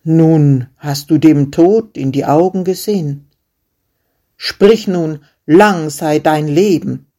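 A storyteller voicing a proud, angry king in a fairy tale, who shouts his commands. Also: medium pitch, slow. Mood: commanding. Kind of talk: storybook character voice.

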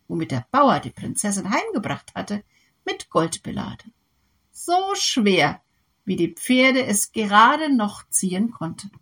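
Brief: woman storyteller, slow, breathy, lilting fairy-tale reading. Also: medium pitch, a bit bright.

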